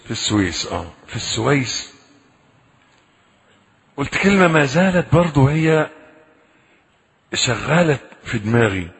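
Egyptian male preacher, husky tone, pleading then chatty with the crowd; echoey hall sound. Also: medium pitch, sing-song, a little slow, pauses often. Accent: Egyptian Arabic. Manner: pleading in prayer, conversational questions to the audience. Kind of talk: sermon with supplications.

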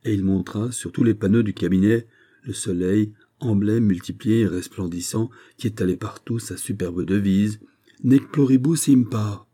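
Male audiobook reader, measured, deep dark husky voice. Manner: measured, steady reading. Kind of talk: scripted narration.

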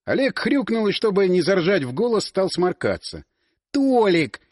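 Lively male audiobook narrator. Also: high-pitched, normal speed, no echo, studio quality.

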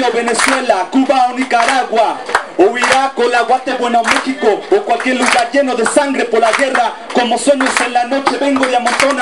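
A man's voice: extremely high pitch, very noisy. A man from Los Angeles, a rapper giving a live political rap performance with rhythmic call-and-response. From Los Angeles, United States. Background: loud music.

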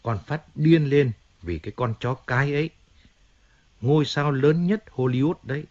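A man's voice: medium pitch, moderate pace, darkish tone, muffled recording, voice pushed up, natural voice. A man voicing a self-pitying middle-aged male singer who complains and pleads emotionally, in an audiobook reading. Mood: agitated.

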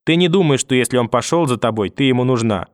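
A man's voice: medium pitch, fast, clear, resonant tone, no echo, studio quality, lightly acted. A man reading an audiobook and voicing a furious, vicious old grandmother who scolds, curses and threatens. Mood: screaming.

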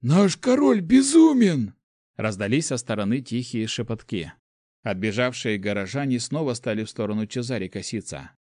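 A man reading a fantasy novel aloud in a steady, measured storytelling voice. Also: fairly low pitch, no room sound, clean studio sound. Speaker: audiobook narrator. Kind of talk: scripted narration.

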